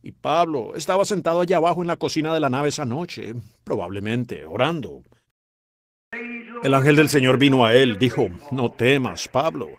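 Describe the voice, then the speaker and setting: A man's voice: medium pitch, animated, moderate pace, no room sound. A man preaching a fervent sermon in an impassioned, exclaiming way, asking the listeners questions. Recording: congregation noise behind.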